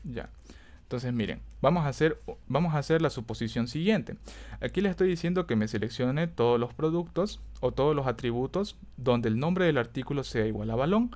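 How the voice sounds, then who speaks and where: A man's voice: mid-range voice, lively intonation, fairly quick, darkish tone. A man teaching a database lesson over a screen recording, explaining step by step, thinking aloud, correcting himself and often checking that students follow.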